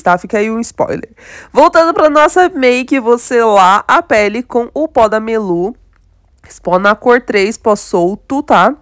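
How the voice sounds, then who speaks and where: A young woman with a Brazilian Portuguese accent, a beauty vlogger, chats eagerly to viewers in a casual makeup tutorial. Her slightly high voice sounds stuffed-up and nasal because of a cold. It's studio quality, with no room sound.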